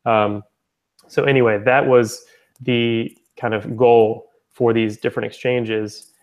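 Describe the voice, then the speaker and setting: Young man talking in a flat, level tone. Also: medium pitch, takes it slowly, dull audio. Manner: rambling, with many fillers and restarts. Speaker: founder presenting his language-exchange platform. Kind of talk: casual spoken presentation.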